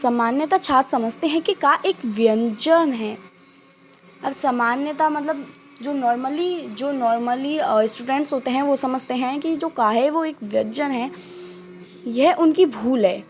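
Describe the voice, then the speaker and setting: High-voiced woman teaching a grammar lesson. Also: measured pace, soft background music. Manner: repeats points and quizzes the listener; mixes in English words.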